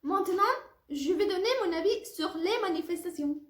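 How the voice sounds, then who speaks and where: At a moderate pace, a young woman from Puebla, Mexico, early 20s, delivers her prepared French-class presentation in a careful, formal manner. She is a language student and native Spanish speaker with a high voice and Mexican accent, heard in a noticeably echoey room.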